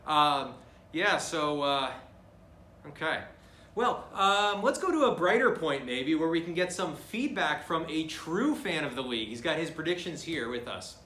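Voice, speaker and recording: A man hosting a comic mock sports broadcast, stumbling through his lines with plenty of fillers and self-mocking asides. His voice is bright and fairly high. The room is echoey. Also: expressive, slight background noise. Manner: halting, self-deprecating, many fillers. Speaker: host.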